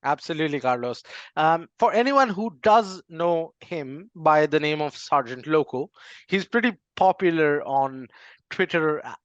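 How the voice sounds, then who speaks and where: A man's voice: fairly high pitch, animated, a little slow, no room sound, highs cut off. A man hosting an interview show, leading the guest with friendly questions and some fillers. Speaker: podcast host.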